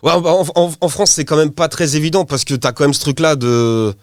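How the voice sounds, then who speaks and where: An animated man with a cold, fairly high-pitched for a man, who rambles through a casual interview in slang, laughing now and then. The sound is close and dry, with no room around it. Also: normal speed, no room sound. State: has a cold. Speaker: rapper, interview guest.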